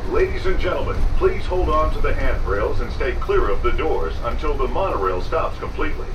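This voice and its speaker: A man giving polite, measured, prerecorded monorail announcements played over a train loudspeaker. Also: fairly high pitch. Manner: polite, measured, scripted delivery. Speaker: recorded transit announcer. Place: inside a moving monorail car. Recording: echoey loudspeaker heard from a distance, noisy.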